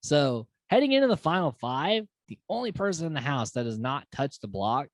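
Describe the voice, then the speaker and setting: A woman hosting a casual, profane recap of a reality show, swinging from excited to exasperated. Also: sits low, normal speed, dry recording. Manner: profane, animated, mimics houseguests in quoted asides.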